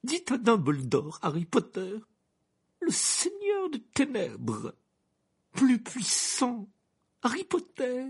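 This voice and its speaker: A woman's voice: a little high, huge pitch swings, takes it slowly, slightly rough, full character voice. A woman voicing a deranged middle-aged male wizard official who rambles in broken, confused speech in an audiobook. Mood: distraught. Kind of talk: audiobook character reading.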